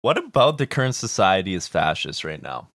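Low-voiced man in crude casual chat. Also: very animated, a little fast, fairly bright tone, no echo, clean studio sound. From Canada. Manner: crude, joking, mocking impressions. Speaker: podcast co-host.

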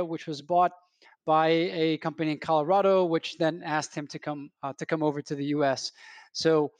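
Male podcast host, a touch high-pitched, relaxed questioning, dry close sound. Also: no room sound. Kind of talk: podcast interview.

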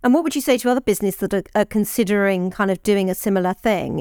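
A woman's voice: mid-range voice, darkish tone, clean tone, no room sound, clean studio sound. A woman interviewer asking long, layered questions in a conversational way.

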